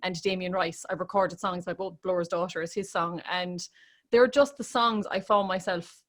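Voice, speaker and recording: A woman's voice: on the low side, steady tone, moderate pace, fairly bright tone. A woman with an Irish accent speaking as an interview guest, telling her story in a candid, reflective, conversational way. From Ireland. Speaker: interview guest, classical crossover singer.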